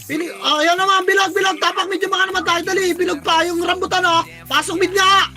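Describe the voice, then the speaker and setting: A player calling shots in live esports team comms, barking rapid callouts, counting down and cursing often. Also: very high-pitched, steady tone, bright, forceful tone, soft background music. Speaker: team shot-caller.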